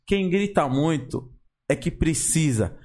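A man in a casual chat, cutting in with joking, mock-calm remarks. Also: a little high, slow.

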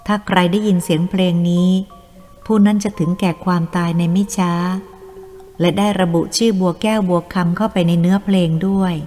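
A woman's voice: on the low side, fairly even intonation, a little fast, mellow, lightly acted. A woman reading as a pleading young village girl. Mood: earnest. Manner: pleading, earnest. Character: young village woman, frightened then resolute. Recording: long reverb, faint music.

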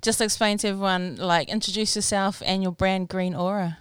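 A woman's voice: medium pitch, fairly even intonation, brisk, clear, resonant tone, no echo. A woman with a Māori New Zealand English accent hosting a podcast in an informal, friendly, colloquial way. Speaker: podcast host. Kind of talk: casual interview chat.

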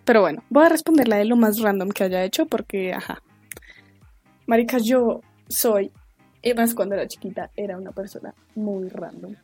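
A woman in her twenties with a Colombian accent, hosting a casual storytelling podcast in a chatty, slangy way and acting out quotes in a higher voice. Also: moderate pace, a little mellow, breathy edge, no echo, faint music behind. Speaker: podcast host.

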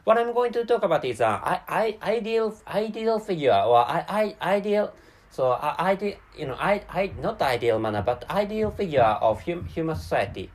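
A Japanese man, a native speaker with a Japanese accent, hosts a podcast and delivers an unscripted monologue. His voice sits high with big pitch swings, and he is very halting, rambling and digressive, stammering repeats of words and syllables.

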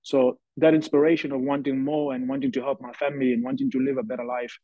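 A man in his thirties speaks as a podcast guest, earnest and reflective as he tells his story. The sound is dry, with no room around it, and slightly muffled. His pitch sits in an ordinary middle range. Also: level tone, quick pace, no echo. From South Africa. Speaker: guest, professional rugby player. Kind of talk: podcast interview. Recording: dry, slightly dull lo-fi audio.

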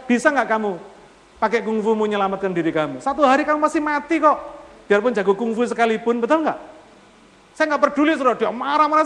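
A man's voice: very high-pitched, a bit bright. A man preaching a sermon, often putting rhetorical questions to the congregation and mixing formal speech with casual slang. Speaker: pastor. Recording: long hall reverb.

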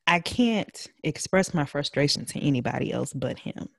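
A woman co-hosting a casual podcast chat, blunt and animated, swearing freely and acting out quotes. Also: deep voice, normal speed, gravelly, no echo, clean studio sound. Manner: animated, acts out quotes in shifting voices. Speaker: podcast co-host.

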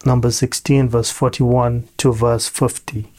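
Male preacher, unhurried, emphatic repetition, mid-pitched. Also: level tone, darkish tone. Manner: slow, deliberate, emphatic repetition. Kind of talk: sermon with scripture reading.

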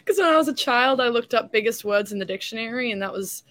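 A woman's voice: a little high, animated, fast talker, fairly bright tone, no room sound. A young woman chatting casually as an interview guest, talkative and self-deprecating. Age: young adult. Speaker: interview guest, beauty pageant contestant.

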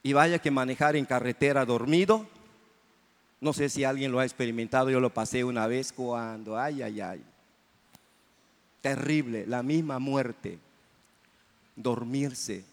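Slow, fervent preacher in echoing church. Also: male voice, medium pitch. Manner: fervent preaching, calls for amens. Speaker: pastor. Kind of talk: sermon. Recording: reverberant church hall.

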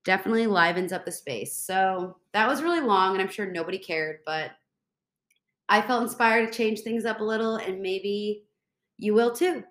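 A congested young woman hosts a casual solo podcast, her medium-pitched, slightly bright voice moving at a moderate pace in an echoey room. She comes across as bubbly and rambling, filling gaps with lots of "like."

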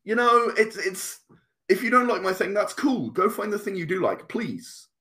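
A man in his late thirties, a comic and game creator, chats casually as a podcast guest in a relaxed interview. His voice sits high and sharp with lively intonation at a moderate pace. He comes across earnest and emphatic, repeating phrases for stress.

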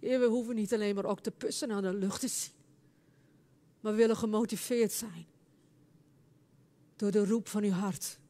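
A woman preaching and praying in a charismatic church service, speaking fervently and building into loud, impassioned prayer. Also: mid-range voice, fairly even intonation, normal speed, long pauses. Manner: speaks in tongues between prayers.

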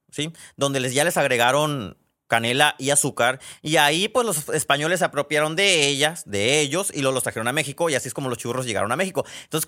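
A man with a Mexican accent hosts a podcast, telling stories in a casual monologue that wanders off on tangents, and he often corrects himself mid-sentence. His voice is a little high, with a bright, forceful tone.

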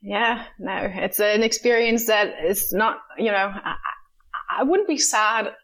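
Woman from Germany, novelist guest, relaxed chat, laughs easily, middle pitch. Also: slow pace. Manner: thoughtful, laughs often. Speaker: author guest. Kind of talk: casual interview chat.

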